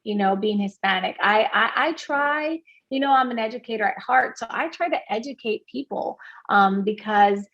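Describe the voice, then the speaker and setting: On the high side and fairly bright, a Puerto Rican woman's voice moves at a moderate pace with few pauses as she speaks candidly in an interview. She talks earnestly, restarting often and using many fillers, though the audio is dull.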